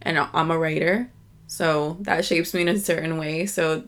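A woman's voice: low-pitched, steady tone, normal speed, fairly bright tone. An American woman co-hosting a podcast with her husband, speaking in a thoughtful, agreeable way with many fillers. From United States. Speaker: podcast co-host. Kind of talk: casual chat.

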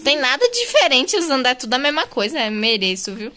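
A young woman plays along calmly, teasing her friend in a high voice. Her tone is bright and sharp, and she stays unbothered. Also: a little fast. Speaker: gamer. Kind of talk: casual let's-play chat.

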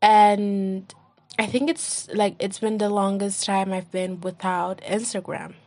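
A young woman hosting a casual solo podcast, rambling with lots of "like" and restarts, and acting out what others say in a higher voice. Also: flat delivery, slow pace, a little mellow. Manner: rambling, heavy use of "like", acts out quoted friends in a higher voice. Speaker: podcast host.

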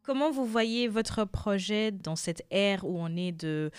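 A woman hosting an interview, asking measured questions. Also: medium pitch, steady tone, clear, resonant tone.

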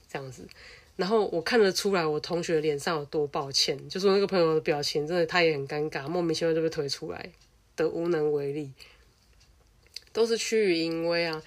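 A young adult woman with a Taiwanese Mandarin accent, telling a personal story in a blunt, animated, casual way and swearing freely. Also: low voice.

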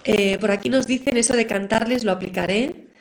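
A middle-aged woman with a brisk voice on the high side teaches parents in a live online class, heard through a low-quality recording. She's a parenting educator, warm and encouraging, acting out examples as she goes.

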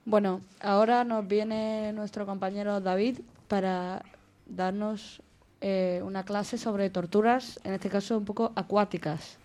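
A woman's voice: mid-range voice, fairly even intonation, measured pace, mellow. A woman on a casual group show, making dry quips and introducing the next segment.

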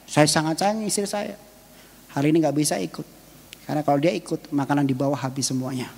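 Male pastor, husky voice, emotive sermon, long church hall reverb. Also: high voice. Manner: emotive, swings between loud and hushed, jokes with congregation. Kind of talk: preaching a sermon with personal stories.

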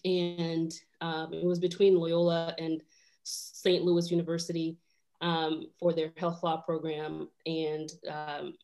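Chatty young woman, slightly low voice. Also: completely flat delivery, takes it slowly, a little mellow. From Rwanda. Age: 20s. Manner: chatty, many fillers, laughs easily. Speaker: guest lawyer. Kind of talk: casual podcast chat.

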